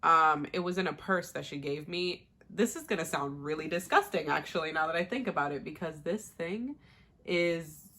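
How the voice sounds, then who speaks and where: A young woman, a beauty vlogger, casually chats through her everyday makeup routine, rambling with fillers and an occasional laugh. Her voice is deep, pushed, and bright, and she speaks at a moderate pace.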